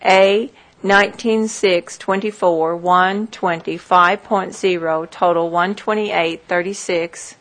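A woman calls an auction in a slightly low voice. She reads strings of numbers very slowly and formally, one piece at a time, in a methodical, repetitive pattern. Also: fairly even intonation, fairly bright tone. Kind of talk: formal auction calling, reading out parcel numbers.

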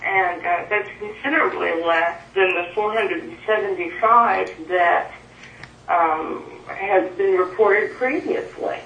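Slow woman on a thin speakerphone. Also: medium pitch, fairly bright tone, muffled recording, a little hiss or hum. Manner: hesitant, with many fillers and restarts. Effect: heard over a speakerphone. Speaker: property owner appealing a valuation. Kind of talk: phone call into a public board hearing. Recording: thin, roomy, distant speakerphone audio.

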